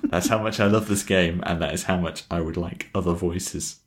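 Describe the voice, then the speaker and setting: A man's voice: low voice, fairly even intonation, moderate pace. A man co-hosting a casual gaming podcast, enthusiastic, laughing often and swearing casually. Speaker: podcast co-host.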